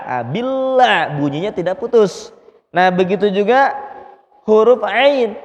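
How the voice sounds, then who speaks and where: Patient recitation teacher, a man with a high voice who drills sounds slowly, heard with a reverberant hall. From Indonesia. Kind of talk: Quran recitation lesson.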